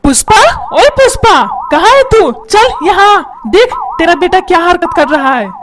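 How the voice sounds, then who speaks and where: A woman voicing a short-tempered middle-aged cartoon father who yells and scolds his family. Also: very high voice, very animated, normal speed. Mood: angry. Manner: yelling, scolding, self-pitying. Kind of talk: cartoon voice acting. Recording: music playing underneath.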